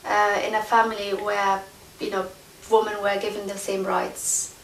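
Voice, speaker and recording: A woman in her forties from Afghanistan, answering interview questions about her life hesitantly, with many pauses and fillers. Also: mid-range voice, flat delivery, creaky, roomy sound, distant mic, slight background noise, rough recording. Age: 40s. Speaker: interview guest, trainee documentary filmmaker. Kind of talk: casual interview chat. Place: large room in a castle.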